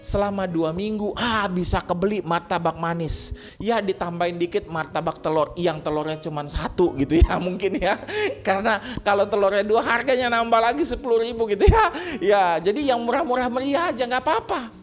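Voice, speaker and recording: A man's voice: high voice, brisk, faint music behind. A man preaching a sermon, telling everyday stories, joking, laughing and acting out bits of dialogue. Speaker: pastor.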